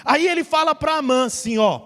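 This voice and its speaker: A male pastor preaching a sermon, telling a Bible story in a lively way and acting out the characters in a church. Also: very high-pitched, brisk. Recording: hall reverb with faint music.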